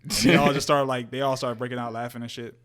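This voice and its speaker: A man's voice: medium pitch, fairly even intonation, quick pace, fairly bright tone. A young man co-hosting a podcast, talking loosely and with a lot of swearing. He tells stories with laughter and acts out quoted lines. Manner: loose, profane storytelling that slips into quoted voices; laughs often while talking. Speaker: podcast co-host. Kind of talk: casual chat.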